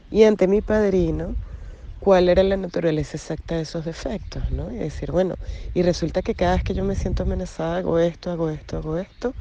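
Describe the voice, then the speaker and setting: A woman giving a personal recovery testimony, reflective and searching, pausing between phrases. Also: fairly low pitch, mellow, dull audio. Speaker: recovery group member sharing.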